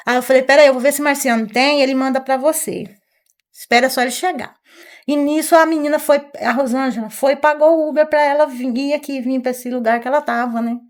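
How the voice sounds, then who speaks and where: A middle-aged woman with an interior São Paulo Brazilian accent, a grieving mother telling what happened in an emotional, rambling testimony full of quoted dialogue and "né?" tags. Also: high-pitched. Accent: Brazilian Portuguese, São Paulo interior. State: distressed, nervous. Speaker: mother of the victim. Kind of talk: emotional first-person testimony.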